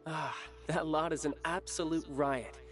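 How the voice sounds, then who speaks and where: An actor playing a charming, cocky young soldier who talks in a breezy, smooth and playful way. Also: male voice, a little high, fairly even intonation, measured pace, fairly bright tone, faint music behind. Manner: breezy, laughing, smooth talk.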